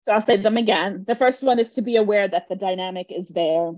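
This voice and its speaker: Leading a live online workshop, a Jamaican woman speaks briskly in a steady, slightly mellow mid-range voice. She sounds earnest and emphatic and frequently checks in with her listeners, on a dry recording whose highs are cut off.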